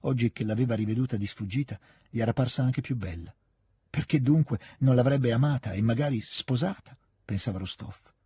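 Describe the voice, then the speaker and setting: A man narrating a classic novel in an audiobook, with a steady, expressive reading into a close studio mic. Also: mid-range voice, brisk, breathy edge, no room sound. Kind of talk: scripted literary narration.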